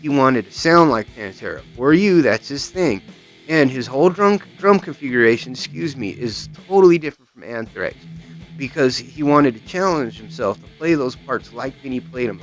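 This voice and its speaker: A man rants at length in a casual, profane way, circling back on himself and filling the gaps with "you know what I mean". His voice sits at an everyday middle pitch. Faint music plays low behind him. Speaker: guitar vlogger. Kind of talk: casual rant to camera.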